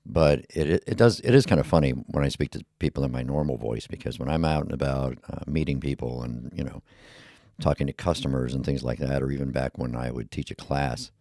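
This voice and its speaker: A man with an extremely deep, gravelly voice rambles through a casual solo podcast episode, mumbling and trailing off with fillers. His tone is dark and rumbly, recorded close and dry on a heavy dynamic mic with some equalizer shaping. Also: a little fast, no room sound. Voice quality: rumbly, low voice. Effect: equalizer filter on the mic. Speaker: podcast host. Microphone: heavy dynamic podcast mic on a boom arm.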